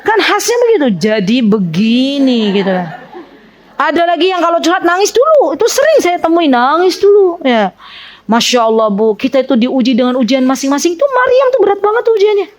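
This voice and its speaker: A woman religious teacher giving a lively sermon to women, acting out quoted voices and chatting with the audience. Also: very high-pitched, quick pace.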